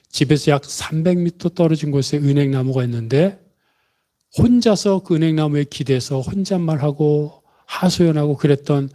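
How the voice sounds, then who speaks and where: A male pastor telling a story in a sermon, rising into dramatic bursts and slowing for weight. His voice sits a touch high but sounds warm and mellow. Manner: dramatic retelling with vivid pauses and emotional rises.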